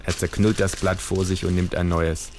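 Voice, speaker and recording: Brief: very deep, flat male narrator reading live, deadpan. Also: moderate pace. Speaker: author reading aloud. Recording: live stage with audience noise.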